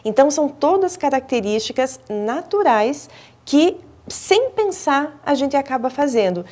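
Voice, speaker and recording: A speech therapist and professor with a Brazilian Portuguese accent appears as a guest expert on a television studio talk show. Her slightly high, darkish voice swings widely in pitch and moves a little slowly. She gives explanatory answers in a didactic manner, often pausing on hesitant fillers and restarting phrases.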